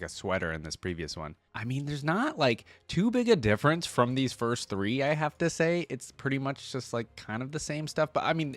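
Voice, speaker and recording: The speaker is a man reacting on video, casual and unscripted, wandering through his thoughts with frequent "like"s and "you know"s. His voice is mid-range and the audio carries no room sound.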